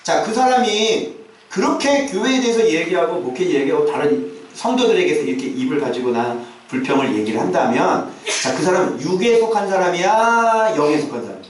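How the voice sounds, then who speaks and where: Captured by a distant mic in a very echoey church hall, a pastor delivers a sermon in the sanctuary, addressing the congregation with nonstop rhetorical questions and offhand asides. His voice is a little high and expressive, and he speaks a little fast.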